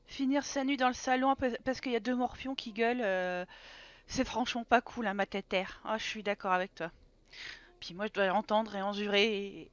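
High, bright, exasperated French woman gamer. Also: dry recording, dull audio. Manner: exasperated, swearing, laughing, talks to her characters. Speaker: let's play host. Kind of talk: casual gaming commentary.

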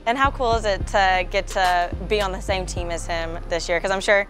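A woman's voice: mid-range voice, normal speed, fairly bright tone, soft background music. Upbeat woman sports reporter. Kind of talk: interview and scripted narration.

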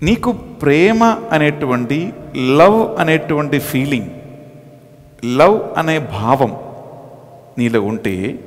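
A man, a priest, preaching a dramatic sermon, swinging between loud and soft. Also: fairly high pitch, animated, takes it slowly, pauses often. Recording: long hall reverb.

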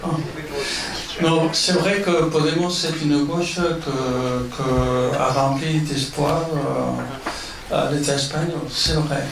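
A man's voice: a little high, fairly even intonation, takes it slowly, creaky. A man with a foreign, Iberian accent in non-native French, answering questions at a meeting and searching for his words. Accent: Spanish or Catalan accent in French. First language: not French. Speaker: guest speaker at a political meeting. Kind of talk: impromptu speech answering audience questions. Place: indoor meeting hall with an audience. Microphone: handheld microphone. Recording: echoey room, distant pickup, audience noise.

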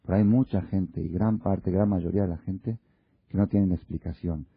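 A man's voice: sits low, steady tone, normal speed, creaky, slightly rough, dry recording. A man giving a Torah lecture to an audience, asking many rhetorical questions and acting out little dialogues to make his points. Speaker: religious lecturer. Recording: dull lo-fi recording.

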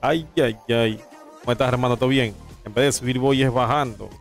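A man's voice: mid-range voice, steady tone, fast, faint music behind. A man with a Panamanian accent giving live esports commentary, calling plays and teasing the chat between them. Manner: playful, teasing chat with viewers between play-by-play. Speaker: esports caster.

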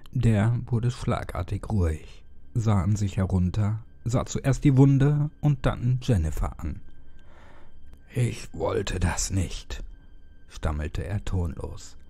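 A man reading a horror story aloud in a steady, measured storytelling manner. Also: on the low side, vocal fry, husky. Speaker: horror audiobook narrator. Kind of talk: scripted horror narration.

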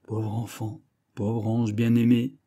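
A man voicing a guilt-ridden young knight, speaking low and grave with a husky voice. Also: normal speed, mellow, natural voice. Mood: sorrowful. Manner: low, grave, sorrowful delivery.

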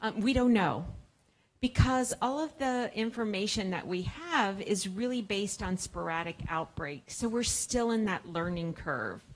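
A woman's voice: medium pitch, lively intonation, unhurried. A middle-aged woman, a public health expert, answers audience questions at a science cafe, explaining plainly with thoughtful fillers into a handheld mic in a large museum hall. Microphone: handheld microphone.

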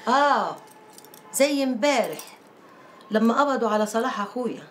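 An actress playing an excitable, worried woman with an Egyptian accent in a TV drama. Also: a little high, moderate pace, slight background noise, natural voice.

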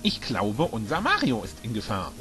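Alert caring cloud-dwelling man read by a man, storybook, bright voice. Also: fairly low pitch, huge pitch swings, normal speed, faint music behind, pitched below the performer's own voice, full character voice.

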